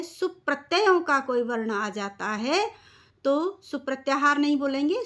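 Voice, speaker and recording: A woman's voice: sits high, fairly bright tone. A young woman teaching Sanskrit grammar, patiently reciting rules and working through each step. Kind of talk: explanatory lesson.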